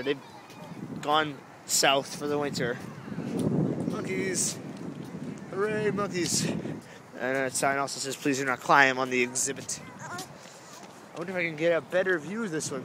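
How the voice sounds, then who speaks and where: With a slightly high voice, a young male vlogger gives rambling, easily amused commentary as he casually walks a zoo light show at night. The handheld camera recording is noisy and crowded outdoors, carrying crowd chatter and outdoor noise.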